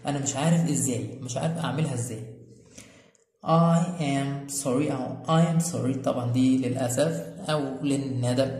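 A man with an Egyptian Arabic accent explaining an English lesson, patiently repeating key words slowly and checking in with his students as he goes. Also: mid-range voice, a little mellow. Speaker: English teacher. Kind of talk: classroom-style lesson explanation. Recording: echoey room with long reverb.

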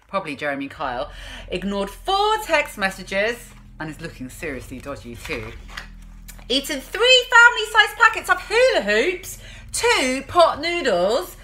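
This woman in her thirties, a parenting vlogger, hosts a fun storytime at home in a small room, reading with exaggerated theatrical stress and slipping in casual asides. She speaks with a fairly high, sharp voice.

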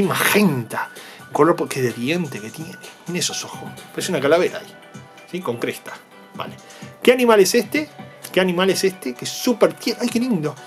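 Lively man explaining toys. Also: fairly high pitch. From Argentina. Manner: patient, explanatory, keeps checking in with the viewers. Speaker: toy unboxing vlogger. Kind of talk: explaining to young viewers while unboxing.

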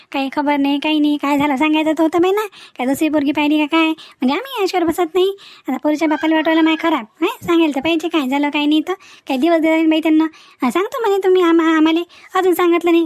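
A woman's voice: very high voice, dry recording. A woman voicing a talkative, bossy village aunt in a cartoon. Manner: chatty, bossy. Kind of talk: cartoon voice acting.

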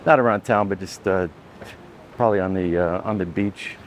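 A male travel vlogger with a low-sitting voice strolls by a beach and over dirt roads, holding a camera to film from his own viewpoint. He speaks at normal speed with a little hiss or hum on the audio, relaxed and rambling and often fixing what he's just said.

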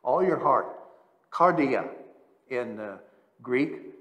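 A man preaching a sermon as pastor, teaching and explaining words, slowing down to stress scripture. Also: mid-range voice, lively intonation, fairly bright tone, echoey room, in a large hall. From United States. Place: church sanctuary.

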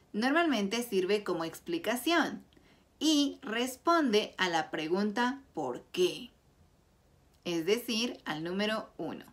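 A woman teaching a Spanish grammar lesson, explaining clearly and deliberately through example sentences. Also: a little high, fairly bright tone. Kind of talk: slow scripted grammar lesson.

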